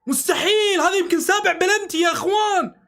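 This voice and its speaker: A man's voice: extremely high pitch, quick pace, a bit bright. A man reacting live to a football match, swearing oaths and pleading with the players.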